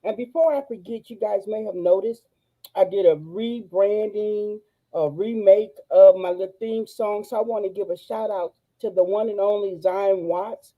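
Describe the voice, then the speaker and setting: A woman, hosting a faith-based live show and giving excited, gushing shout-outs to viewers. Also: mid-range voice, normal speed, low-quality recording. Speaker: host. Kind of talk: excited live-stream chat.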